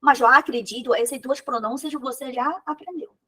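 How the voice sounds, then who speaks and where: A woman's voice: high voice, moderate pace, bright, forceful tone, breathy edge. A woman whose first language is Mandarin Chinese, teaching in non-native Portuguese during an online talk, encouraging listeners and tagging her sentences with questions. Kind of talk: online lecture.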